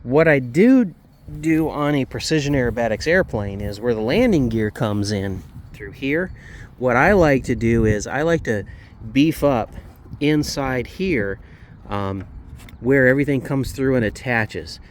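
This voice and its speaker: A man hosts a casual hobby review at a middling pitch, speaking haltingly with a sore, slightly swollen jaw. There is noticeable background noise with a vehicle-like rumble behind him. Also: animated. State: sore, slightly swollen jaw after surgery, talking a little oddly. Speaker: RC hobby channel host reviewing a model plane. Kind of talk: casual hands-on product review.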